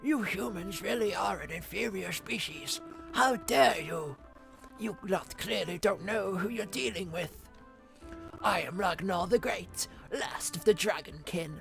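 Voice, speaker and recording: A woman's voice: mid-range voice, measured pace, creaky, faint music behind. A woman voicing a grumpy, pompous old male dragon, small and indignant, for a video game. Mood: boastful, indignant. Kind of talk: video game character voice-over read aloud.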